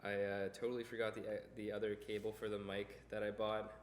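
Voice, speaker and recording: This young man's voice is on the low side, flat and a little fast as he co-hosts a loose, unscripted podcast, wandering off topic and putting himself down. The group is gathered around a table in an indoor room, recorded on one shared mic that gives a roomy sound and a little hiss or hum.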